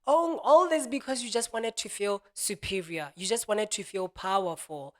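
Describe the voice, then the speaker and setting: A man's voice: sits high, moderate pace. Man musing, peppered with "you know". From Botswana. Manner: leans on "you know", acts out imagined voices in quotes. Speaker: self-help speaker. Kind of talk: reflective spoken monologue.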